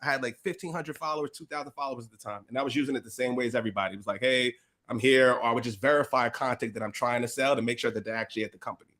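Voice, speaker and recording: A man telling his career story as a guest in a casual interview, slangy and lively, acting out what people said and laughing often. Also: mid-range voice, very fast, hardly any pauses. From USA.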